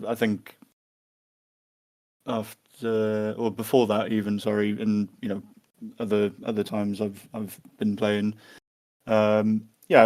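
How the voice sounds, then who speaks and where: A man's voice: lowish voice, a little mellow. A man answering interview questions in a hesitant way, with many fillers and restarts. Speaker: guest.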